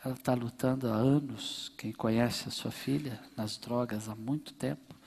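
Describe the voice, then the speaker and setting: A pastor leading a church service, calling out fervent, drawn-out praise to his congregation. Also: medium pitch, steady tone, gravelly, a little mellow, slightly rough. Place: church sanctuary. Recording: echoey church hall with congregation.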